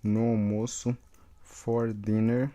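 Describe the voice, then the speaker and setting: Brazilian-accented male English teacher, slow and mellow, repeats each word for learners. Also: fairly low pitch, level tone. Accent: Brazilian Portuguese. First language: Portuguese. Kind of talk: bilingual vocabulary lesson.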